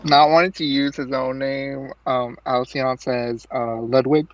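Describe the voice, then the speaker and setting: A man's voice: mid-range voice, fairly even intonation, measured pace. Man player on a dull mic. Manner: casual, describes his character in third person. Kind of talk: tabletop role-play.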